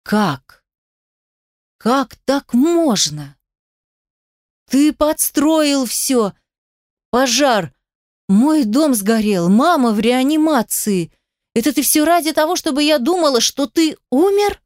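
A woman voicing a young ballerina who screams and sobs her accusations in a shrill voice. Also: animated, slow, pauses often, no room sound, studio quality. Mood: hysterical. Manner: shrill, sobbing, shouting accusations.

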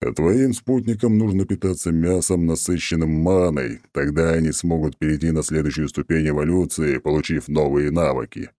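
A haughty ancient oak god speaks in a rumbling, extremely deep and dark voice, as a male narrator puts him on. He talks down with mocking condescension. The sound is dry and close. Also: steady tone, normal speed, hardly any pauses, no room sound. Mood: smug, haughty.

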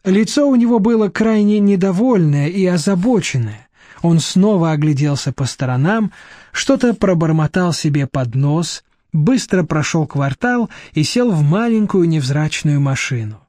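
A male narrator reads the story in a measured, steady manner, with a fairly high pitch for a man. His tone is dark and mellow, and the recording is dry and close. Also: no room sound. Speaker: audiobook narrator. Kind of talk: scripted narration.

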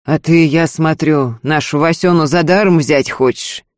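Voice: mid-range voice, a little slow, dry recording, clean studio sound, close to an everyday voice. A reader voicing a restrained, grumbling middle-aged peasant husband in an audiobook. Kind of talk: audiobook character voice.

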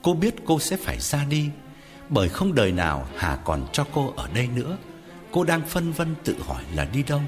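A man narrating a Vietnamese horror story with an expressive storyteller's manner. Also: mid-range voice, moderate pace, soft background music.

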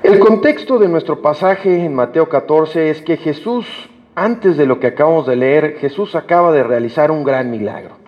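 A man preaching a sermon to a congregation, earnest and emphatic, rising in pitch to stress his points. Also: moderate pace, few pauses. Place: church hall. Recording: dull sound with long hall reverb.

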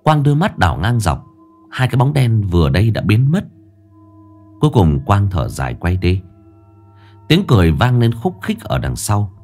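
A man's voice: lowish voice, moderate pace, pauses often, faint music behind. A man narrating a horror story expressively, building suspense. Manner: expressive, rising and falling for suspense.

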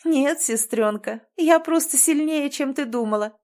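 A woman voicing a cold, manipulative older sister who speaks calmly and condescendingly. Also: high-pitched, measured pace, voice pushed up. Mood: mocking. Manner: calm, icy, condescending.

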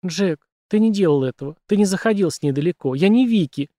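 A man's voice: sits high, lively intonation, brisk, warm tone, no echo, studio quality, pitched above the performer's own voice. A man reading an audiobook, voicing a frightened young woman in a raised, strained, pleading voice.

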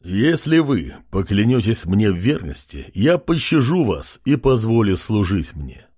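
A man's voice: lowish voice, big pitch swings, a little slow, a little mellow, breathy edge, exaggerated voice. A man playing a pompous tentacled king. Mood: haughty. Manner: pompous, menacing.

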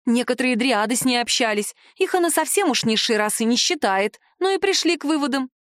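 A woman's voice: sits high, expressive, brisk, no room sound, studio quality. A woman voicing a young female student in an audiobook, explaining in a matter-of-fact way.

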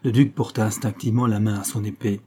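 A man reading a historical tale aloud as an audiobook narrator, in a measured literary manner. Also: on the low side, fairly even intonation, darkish tone, a little hiss or hum.

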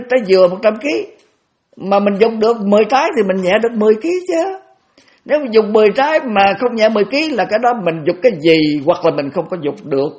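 A Buddhist monk in his eighties gives a dharma talk in a high, darkish voice. He often repeats phrases and starts over, drawing on homely examples.

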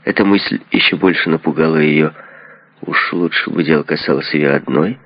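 A man narrating an audiobook in a measured, lively reading. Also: very deep voice, no echo. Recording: dull lo-fi recording.

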